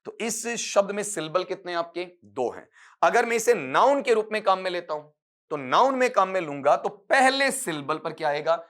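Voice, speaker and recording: A man teaching English phonetics for an exam. He explains step by step, addresses students fondly, and stretches words out slowly to show their sounds. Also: sits high, expressive, fairly bright tone. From India. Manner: patient, explains step by step, calls students "beta". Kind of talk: exam-prep lecture.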